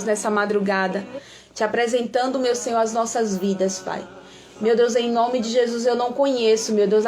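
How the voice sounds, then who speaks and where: A Brazilian-accented woman preacher, her voice fairly high, delivers devotional preaching and prayer. She is emphatic and repetitive, calling on God again and again.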